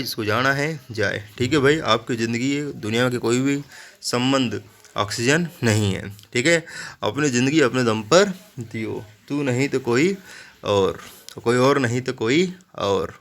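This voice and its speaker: A man's voice: medium pitch, a bit bright. A male teacher giving a general knowledge lesson built on memory tricks. He jokes with his students and keeps checking in with "ठीक है". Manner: playful, joking asides to students.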